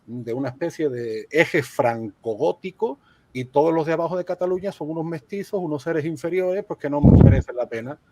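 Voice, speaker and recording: A man's voice: on the high side, normal speed, darkish tone, a little hiss or hum. A man from Spain giving opinionated explanations in a conversational panel discussion. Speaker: panelist, teacher.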